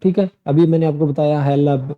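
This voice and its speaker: A man's voice: a little high, fairly even intonation, a little fast, narrow, tinny audio. A man teaching pronunciation in a lesson, drilling word lists aloud and asking and answering his own questions. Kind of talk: screen-share lesson.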